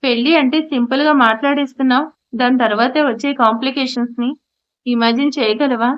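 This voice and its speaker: A woman's voice: high voice, steady tone, brisk, natural voice. A woman voicing a torn young man in an audio story, speaking defensively and pleadingly. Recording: slightly muffled audio.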